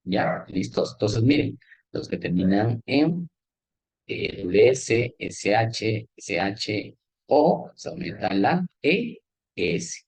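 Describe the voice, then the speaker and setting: Slow, patient man teaching. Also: lowish voice, sing-song, gravelly, a little mellow, husky, no echo, rough recording. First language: Spanish. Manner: explains step by step, checks in with "¿ya?" and "¿sí?"; switches between Spanish and English. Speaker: English teacher. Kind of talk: classroom grammar lesson.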